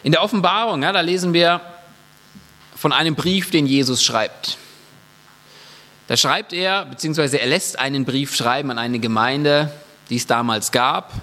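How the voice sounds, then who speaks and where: A man's voice: a little high, normal speed, sharp tone. A man preaching a sermon in a casual, colloquial way, acting out the voices of people in the story. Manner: colloquial, acts out voices of disciples. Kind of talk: lively sermon. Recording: long reverb of a church hall.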